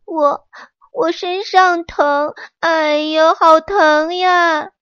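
A woman's voice: high voice, fairly even intonation, no echo, muffled recording, voice pushed up, full character voice. A woman doing a whimpering, sickly peach tree. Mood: pained pleading. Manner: slow, faltering and pleading. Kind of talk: storybook character voice.

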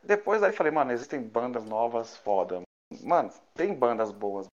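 A man's voice: mid-range voice, sing-song, normal speed. São Paulo Brazilian man, slangy, slightly muffled audio. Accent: Brazilian Portuguese, São Paulo. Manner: slangy, enthusiastic. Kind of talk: casual chat.

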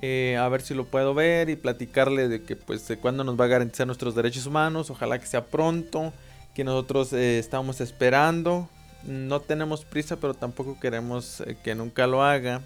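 A young man with a Mexican accent casually telling a personal story, slangy and animated. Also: mid-range voice, moderate pace, clear, resonant tone, soft background music. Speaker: vlogger.

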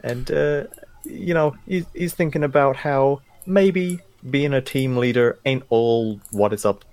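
A man co-hosting a podcast, giving a relaxed, rambling recap of a story with plenty of fillers over an internet call. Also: medium pitch, a little slow, dry recording. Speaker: podcast co-host. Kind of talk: casual chat, summarizing a book. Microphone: video call. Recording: lagging internet call audio.

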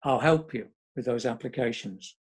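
A man voicing his former boss, a calm, authoritative radio station manager who speaks gently but firmly. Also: medium pitch, moderate pace, breathy edge, lightly acted.

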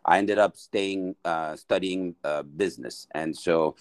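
Man from Mali, very low voice, dry close recording, halting interview answers. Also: clean tone, dry recording. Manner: hesitant, many restarts and fillers. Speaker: guest entrepreneur.

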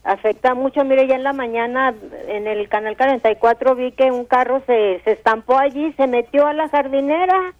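High-voiced northern Mexican woman on muffled phone line. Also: moderate pace, hardly any pauses. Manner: plain-spoken, colloquial, complaining. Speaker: radio caller. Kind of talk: casual phone-in complaint. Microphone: telephone. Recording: dull band-limited phone line on radio.

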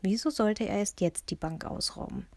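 A woman reading a first-person audiobook in a measured, tense storytelling manner. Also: medium pitch, a little mellow, dry recording. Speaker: audiobook narrator. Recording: dry close-miked studio.

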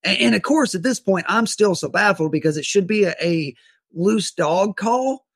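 A man's voice: high voice, vocal fry, dry recording. A man telling an interviewer about a tense police encounter, retelling it animatedly and often restarting his words. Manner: animated retelling, acts out his own quoted lines; halting restarts, repeated words. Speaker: guest telling his self-defense story. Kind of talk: podcast interview, first-person storytelling.

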